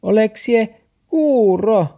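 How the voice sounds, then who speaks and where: A man voicing an excitable, yappy female dachshund in a storybook, speaking in a high, shrill voice. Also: creaky, husky, heavily acted. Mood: alarmed.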